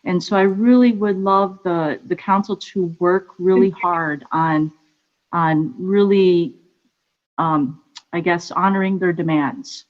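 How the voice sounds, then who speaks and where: A woman gives a public comment over a video call, her voice slightly low. She talks very slowly and hesitantly, filling gaps with fillers. The audio sounds dull and lo-fi. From Philippines, raised in Michigan. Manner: hesitant, many pauses and fillers. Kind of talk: public comment at council meeting.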